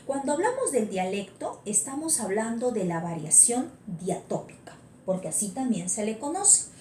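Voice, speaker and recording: A woman's voice: fairly high pitch, sing-song, normal speed, warm tone, echoey room, a little hiss or hum. A woman with a Lima Peruvian accent, teaching an online class and often checking in with her students. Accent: Lima Peruvian Spanish. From Peru. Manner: asks frequent check-in questions.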